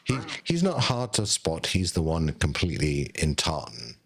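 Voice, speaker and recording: A deep-voiced man appearing as a guest on a podcast. He talks in a measured, wry manner, his tone a little husky. He sounds like a seasoned tech executive. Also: big pitch swings. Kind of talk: casual podcast chat.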